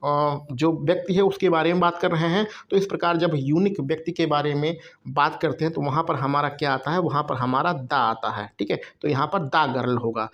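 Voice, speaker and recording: A man's voice: a little high, normal speed, hardly any pauses, a bit bright, lo-fi sound. A man teaching exam preparation in a recorded video lecture, explaining step by step, spelling words out letter by letter and checking in often with the viewers. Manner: frequent "theek hai" check-ins, addresses viewers as bhaiya.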